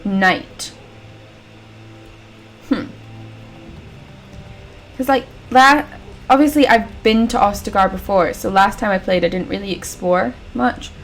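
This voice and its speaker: A woman's voice: mid-range voice, slow, long pauses, soft background music. A woman with a British accent giving chatty, jokey commentary while she plays a video game, swearing casually as she goes. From United Kingdom. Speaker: gaming channel host. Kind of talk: casual let's-play commentary.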